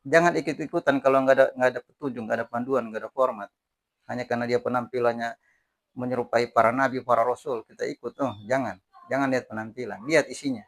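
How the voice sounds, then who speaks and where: A man's voice: mid-range voice, steady tone, quick pace. A man preaching a religious sermon, emphatic and repetitive, mixing colloquial slang with recited verses. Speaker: Islamic preacher.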